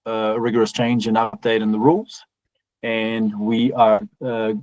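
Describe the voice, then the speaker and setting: A man's voice: fairly low pitch, level tone, moderate pace, darkish tone, no echo. A man hosting a meeting over a video call, speaking hesitantly with many filler sounds. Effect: heard through a video call connection. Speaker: meeting host introducing a rules presenter. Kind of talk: opening remarks on a video call. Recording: dull, dry video call audio.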